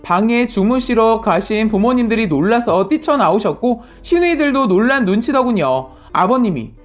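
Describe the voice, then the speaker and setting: Calm woman reading a first-person story. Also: fairly high pitch, moderate pace. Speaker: story narrator. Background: faint music.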